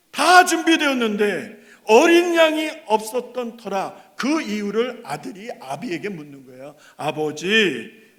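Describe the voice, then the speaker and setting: A man preaching a sermon as pastor, dramatic, swinging between loud bursts and hushed tender lines. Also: high voice. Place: church sanctuary. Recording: long hall reverb.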